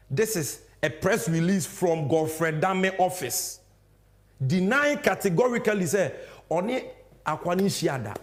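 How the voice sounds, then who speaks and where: A man with a Ghanaian accent giving impassioned political commentary, emphatic, swinging between loud and hushed. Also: high voice. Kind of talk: impassioned political commentary mixing English and Twi.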